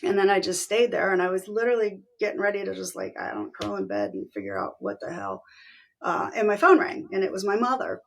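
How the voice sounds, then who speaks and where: A middle-aged woman speaks candidly as an interview guest, her voice carrying a gravelly fry. She retells events vividly, lifting her pitch sharply to act out what others said. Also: fairly quick. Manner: animated retelling, acting out quoted voices with pitch jumps. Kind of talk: candid personal storytelling.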